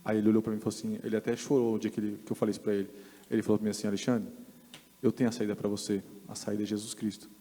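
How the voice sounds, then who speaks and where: Brazilian man, podcast guest, earnest halting testimony, long hall reverb. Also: on the low side, level tone, mellow. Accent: Brazilian Portuguese. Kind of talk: personal faith testimony. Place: church podcast studio.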